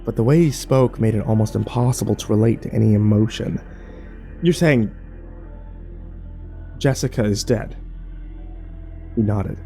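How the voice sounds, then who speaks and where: Narrating a horror audio drama, a man plays a wary, troubled survivor recounting his story in a colloquial, brooding way. His voice sits on the low side, gravelly yet mellow, unhurried and full of long pauses, sounding dazed and subdued over soft background music.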